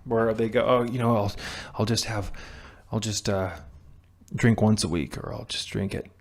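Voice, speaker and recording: A young sobriety vlogger speaks straight into his camera mic about staying sober, blunt and preachy, often restarting sentences and letting the odd swear word slip. His voice is lowish, with fairly even intonation and a moderate pace.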